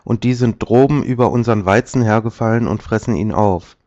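A man voicing an alarmed peasant wife in a fairy tale, talking in a hurried way, on a dull, dry recording. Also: on the low side, warm tone, no echo, lightly acted.

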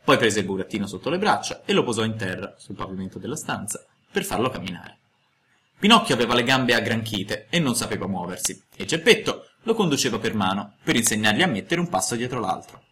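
Audiobook narrator, male, bright tone, very animated intonation. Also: fairly low pitch, a little fast, slight background noise. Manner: expressive, storytelling cadence. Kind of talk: audiobook reading of a classic tale.

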